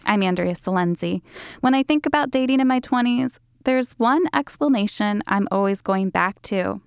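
A woman's voice: on the high side, gravelly, smooth, dry recording, clean studio sound. A woman hosting a show, reading personal, confessional scripted narration in a candid way. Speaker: show host. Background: music.

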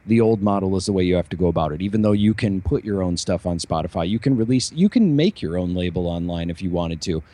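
Low-voiced man chatting loosely. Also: lively intonation, fast, hardly any pauses, dark tone. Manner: rambling, many fillers and restarts. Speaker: podcast host, musician. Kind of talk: casual chat.

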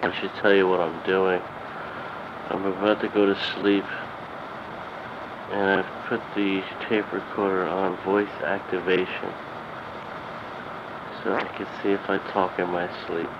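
Man, dictaphone tape diary, weary and sighing, lowish voice, dull lo-fi sound, clear noise behind. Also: little pitch movement, unhurried, pauses often. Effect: dictaphone tape recording, lo-fi. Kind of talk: personal audio diary. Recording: lo-fi tape recorder with background noise.

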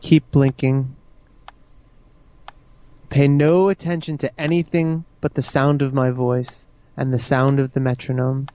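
A man talks a listener into hypnotic sleep in a slow, soothing, repetitive way. His voice is smooth and mellow, held low and even. The recording sounds dull and lo-fi. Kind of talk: guided hypnosis induction.

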